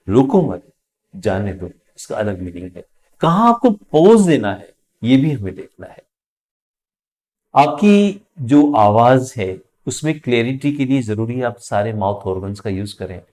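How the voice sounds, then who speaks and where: A man with an Indian accent teaching interview communication skills, speaking clearly with deliberate pauses and emphasis. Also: mid-range voice, a little mellow. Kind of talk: instructional talk to camera.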